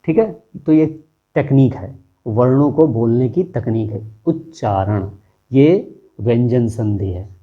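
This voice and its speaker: A man's voice: medium pitch, animated, unhurried, narrow, tinny audio. A man teaching a lesson, explaining step by step and posing rhetorical questions to his viewers. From India.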